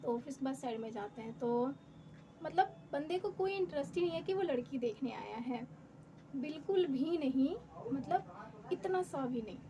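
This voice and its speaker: A woman's voice: high-pitched, animated, moderate pace. A young woman vlogger telling a personal story in a candid, rueful way, half-laughing at times. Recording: noisy room ambience.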